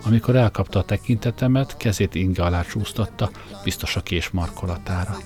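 A man with a low voice narrates an audiobook in the first person. His delivery is wry and comic, with the dry timing of a storyteller. Soft music plays faintly under him.

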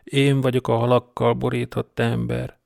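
A man doing a hoarse, croaking injured biker. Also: mid-range voice, pitched above the performer's own voice. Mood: strained. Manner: croaking, slow and strained. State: hoarse, weak. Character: injured young male biker, half-conscious.

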